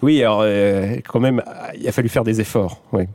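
A man's voice: lowish voice, fairly even intonation, moderate pace, darkish tone. A man from the Vosges, an author who is a guest, talking in a hesitant, self-mocking way, often laughing. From Vosges, France. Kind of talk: casual chat.

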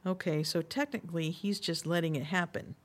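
A woman playing a bossy police officer in a sitcom radio play, giving brisk orders. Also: fairly low pitch, natural voice. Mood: commanding.

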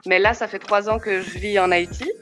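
Speaking a little fast in a steady, mid-range voice, a Belgian film director with a Belgian French accent responds to interview questions. She hesitates, fills pauses, and restarts frequently, while faint music plays in the background.

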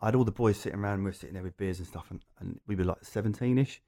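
A man's voice: on the low side, very fast, vocal fry, warm tone. A man with an Essex accent telling anecdotes in a casual chat, in a rambling, jokey way. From Essex, England. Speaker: podcast guest.

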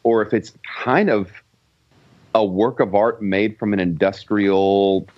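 A man's voice: lowish voice, fairly even intonation, slow, highs cut off. A man from Georgia, co-hosting a podcast with dry, wry humor. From Georgia, USA. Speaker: podcast co-host. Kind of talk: casual chat.

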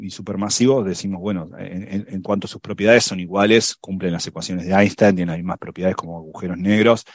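Low-voiced man explaining science, dry sound. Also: fairly even intonation, fast talker, no room sound. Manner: thinks aloud with many fillers and restarts. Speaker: science podcast panelist. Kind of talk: casual explanatory chat.

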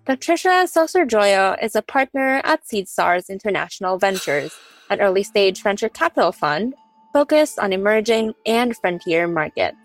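A woman announcer reading a guest's biography in even, scripted narration. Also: medium pitch, normal speed, faint music behind, poor audio.

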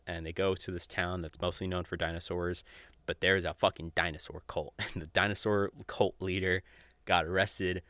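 He's a podcast host in his twenties, deep-voiced and fairly bright with no echo, giving casual, unscripted podcast recommendations in an informal, profane manner, chuckling often as he talks.

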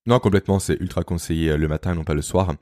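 Fast-talking man with a deep voice. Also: steady tone, darkish tone, no room sound, studio quality. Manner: fast, didactic, addresses the listener informally. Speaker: guest explaining health topics. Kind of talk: explanatory podcast talk.

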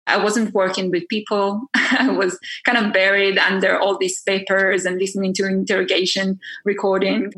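A woman's voice: mid-range voice, fairly bright tone. A woman, a startup founder answering interview questions in an earnest way, often restarting her sentences. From Israel. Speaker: startup founder and CEO, podcast guest.

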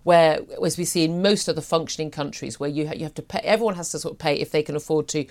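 A woman's voice: deep voice, quick pace, darkish tone. A woman hosting a breakfast radio talk show, arguing her views forthrightly with frequent restarts. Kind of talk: opinionated talk radio discussion. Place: radio studio.

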